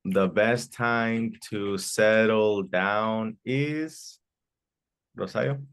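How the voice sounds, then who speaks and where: A man with a very low, deep voice leads an English class from the United States. He is encouraging and echoes his students' answers back to them. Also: very slow, smooth. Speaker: English teacher. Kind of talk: online class Q&A.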